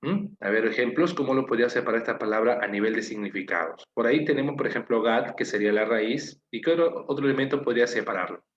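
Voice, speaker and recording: A man's voice: mid-range voice, fast talker, hardly any pauses, echoey room, muffled recording. A man with a Peruvian Spanish accent teaching an online class, patiently explaining and asking his students questions. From Peru.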